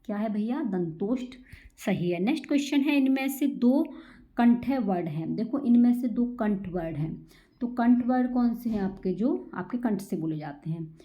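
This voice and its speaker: A woman's voice: mid-range voice, animated, mellow. Woman tutor drilling Sanskrit grammar. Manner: repeats key answers as quick quiz questions to students; chants Sanskrit rules slowly and drawn out. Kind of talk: exam-prep grammar lesson.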